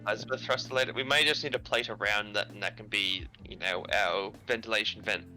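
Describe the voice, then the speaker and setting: Bright-voiced man with wry, dry humor. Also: fairly low pitch, steady tone, a little fast, rough recording. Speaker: co-builder on a game stream. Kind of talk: casual gaming chat. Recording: faint music behind.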